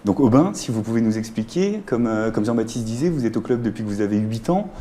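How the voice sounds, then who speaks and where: A man's voice: fairly low pitch, lively intonation, quick pace, warm tone, a little hiss or hum. A male radio host leading an interview in a studio, prompting his guests and often finishing their sentences.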